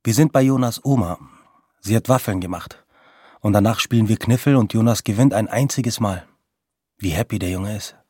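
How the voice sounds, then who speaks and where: Young man with a husky voice, telling street stories. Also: on the low side, moderate pace, a little mellow, no echo, studio quality. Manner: blunt, street-slang narration with quoted outbursts. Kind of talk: storytelling monologue in vignettes.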